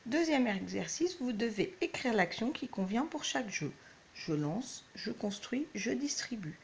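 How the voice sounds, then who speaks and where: A woman's voice: a little high, sing-song, measured pace, slight background noise. A woman teacher giving a patient, step-by-step lesson to young children at home. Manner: patient, clear, explains step by step. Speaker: primary school teacher.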